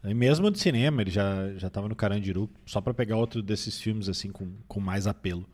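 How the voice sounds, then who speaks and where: A man's voice: fairly low pitch, fairly quick. A man with a nasal voice from a cold, chatting casually as a film critic. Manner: relaxed, rambling with restarts. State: recovering from a cold. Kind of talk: casual film review chat.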